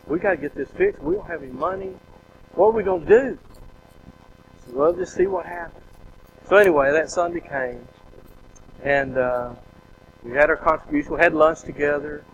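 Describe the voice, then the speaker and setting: A man, a preacher telling a folksy, animated story to his congregation, with plenty of fillers and restarts. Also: fairly high pitch, moderate pace, pauses often, lo-fi sound, a little hiss or hum. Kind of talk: storytelling testimony.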